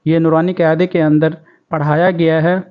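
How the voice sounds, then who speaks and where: Male Quran teacher, high clear voice, Pakistani accent, slow chanted recitation alternating with brisk explanation; dull lo-fi sound. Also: flat delivery. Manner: recites slowly and melodically, then explains rules briskly. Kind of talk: tajweed lesson, slow recitation and quick explanation. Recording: dull lo-fi recording.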